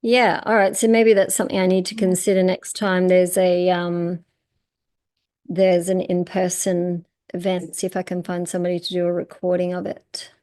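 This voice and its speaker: A woman guest in a casual conversation, thoughtful and quick to laugh. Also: on the low side, completely flat delivery, a little mellow.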